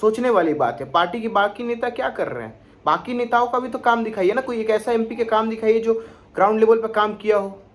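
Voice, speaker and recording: A man's voice: high-pitched, brisk. A young man from Bihar, delivering an indignant, sarcastic political rant full of rhetorical questions. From Bihar, India. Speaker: political commentator vlogger.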